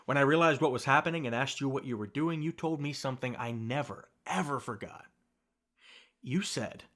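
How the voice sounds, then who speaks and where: A young man with a fairly high-pitched voice performs a scripted ASMR roleplay as the listener's best friend. Speaking softly and gently, he reassures them and adds light, teasing laughs, all picked up by a close studio mic.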